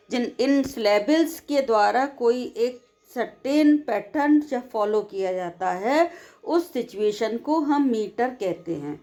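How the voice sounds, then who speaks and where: A woman teacher lecturing her students, slowly dictating definitions and asking and answering her own questions. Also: on the high side, darkish tone. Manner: slow, deliberate dictation of English definitions, quicker explanations in between; calls students "beta" affectionately. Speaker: English literature teacher. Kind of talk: classroom lecture mixing Hindi and English.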